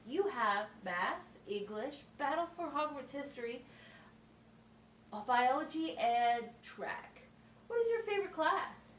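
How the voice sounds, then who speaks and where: Exaggerated and high-pitched with big pitch swings, this woman's slow delivery voices a patient schoolteacher in an amateur puppet show. She comes across as encouraging and patient, explaining simply and asking checking questions. The recording is roomy, with a distant mic and faint noise.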